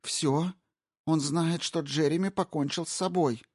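A shrill, high-pitched voice belongs to a terrified young wife held at knifepoint, as a male audiobook reader puts her on. She pleads and cries out in panic. The recording is dry and close. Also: fairly even intonation, a little slow, darkish tone, breathy edge, dry recording. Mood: pleading.

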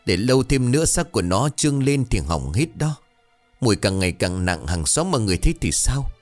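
A man's voice: lowish voice, big pitch swings, brisk, soft background music. A man voicing a frightened, pleading village mother. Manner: pleading, trembling. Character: frightened, tearful middle-aged village mother.

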